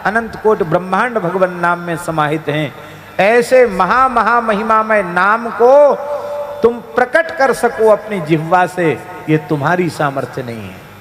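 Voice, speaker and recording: A man giving a devotional sermon, with an emphatic rising and falling delivery and slow chanted verses. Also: high-pitched, lively intonation, a little hiss or hum. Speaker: spiritual preacher. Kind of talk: devotional discourse. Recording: reverberant hall with soft music.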